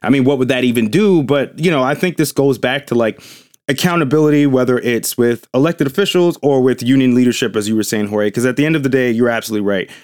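A man's voice: medium pitch, quick pace, darkish tone, smooth, dry recording, studio quality. A man hosting a casual podcast panel discussion, rambling and hedging, with many "like"s and "right?"s. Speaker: podcast host.

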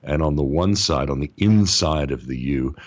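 A man's voice: extremely low pitch, normal speed, no echo, muffled recording. A sick man who sounds as if he is inside a tin can, explaining at length as an interview guest with many restarts. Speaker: political guest.

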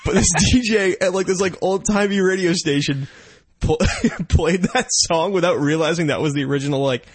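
A man's voice: sits high, moderate pace, breathy edge. Rambling man in casual chat. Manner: rambling, laughs often, lots of fillers.

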